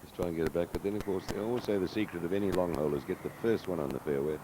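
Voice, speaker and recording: A man giving live golf commentary in a measured, conversational, analytical way, with a gravelly voice. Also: deep voice. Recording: very noisy outdoor broadcast sound.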